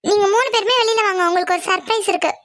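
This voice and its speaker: A woman's voice: extremely high pitch, rapid-fire, fairly bright tone, dry recording, studio quality, voice pushed up. A woman voicing an eager young girl in a Tamil cartoon who teases about a surprise. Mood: teasing.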